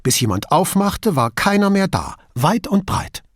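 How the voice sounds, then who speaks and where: A cool, firm policewoman, played by a male reader, stern and deliberate. The voice is lifted a little above his own and moves with a lively lilt. The sound is dry and close. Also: high voice, dry recording, pitched above the performer's own voice, exaggerated voice.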